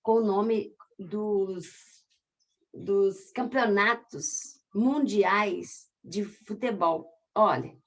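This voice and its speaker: A woman's voice: medium pitch, drawn-out words. A woman with a Brazilian accent teaching a literature class, explaining in a chatty way and talking straight to her students. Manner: stretches words out when scanning syllables. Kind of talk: recorded online class.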